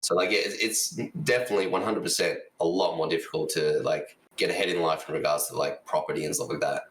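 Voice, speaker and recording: A man's voice: deep voice, steady tone, quick pace, a bit bright, slight background noise. A congested man chatting casually on a podcast, heard echoey through a camera mic far from him. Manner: laid-back, agreeable, repeats 'a hundred percent'. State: congested, tickly throat. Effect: echoey room sound, heard through camera mic far from him. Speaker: podcast guest, full-time content creator. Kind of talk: casual chat. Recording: echoey room, distant camera mic, faint ambience.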